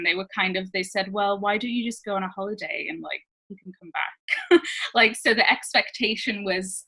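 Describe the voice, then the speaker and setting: Woman guest, relationship coach, bright tone, chatty, heavy on "like". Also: medium pitch. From France and Switzerland, British parents. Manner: chatty, many fillers like "like". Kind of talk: casual interview chat.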